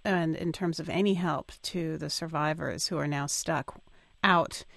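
A woman's voice: low-pitched, measured pace, creaky, no echo. A woman with an American accent presenting and interviewing as the host of a radio news programme. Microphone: close studio microphone.

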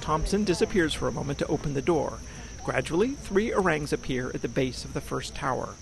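A man's voice: a little high, expressive, brisk, gravelly, background noise. An American man reporting for radio news, narrating a scripted feature.

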